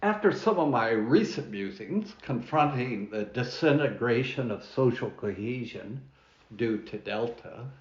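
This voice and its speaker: A man who is a minister, preaching a sermon in a church, telling a story in a measured way with dramatic pauses, with a New Zealand accent. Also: on the low side, creaky. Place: church hall. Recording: roomy, dull church recording.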